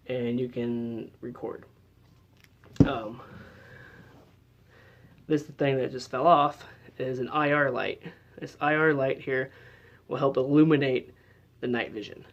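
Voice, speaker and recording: A man's voice: medium pitch, lo-fi sound. A man giving a casual how-to demonstration as a paranormal investigator, explaining in a loose, chatty way with lots of fillers.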